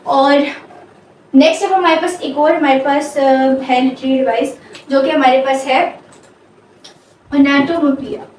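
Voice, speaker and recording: High-voiced woman teaching in an echoey room. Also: fairly even intonation, measured pace, long pauses, darkish tone. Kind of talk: grammar lecture. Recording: echoey room, voice from far off, faint background hum.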